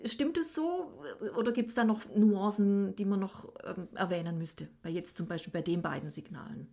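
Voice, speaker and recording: A woman's voice: mid-range voice, normal speed, vocal fry, warm tone. A woman hosting a casual chat, asking questions hesitantly with fillers and checking back.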